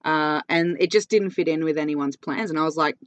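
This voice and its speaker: A woman's voice: sits low, a little fast, dull audio. A woman chatting casually and candidly, telling travel anecdotes in an informal way with lots of "like".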